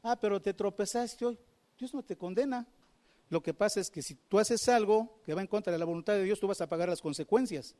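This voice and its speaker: A man's voice: sits high, fairly quick, warm tone. A man preaching a sermon, asking the congregation questions and repeating phrases for emphasis. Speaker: pastor.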